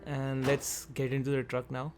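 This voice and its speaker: A man's voice: medium pitch, completely flat delivery, a little mellow, soft background music. Chatty man thinking aloud over gameplay. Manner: quick talker. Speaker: gaming video host. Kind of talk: gameplay commentary.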